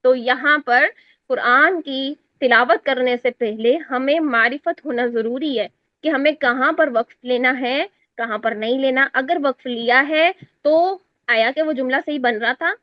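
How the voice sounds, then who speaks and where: A woman's voice: high-pitched, dry recording. A woman, teaching a class on Quran recitation and explaining exam answers step by step while she checks that her students follow. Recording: dry, dull lo-fi sound.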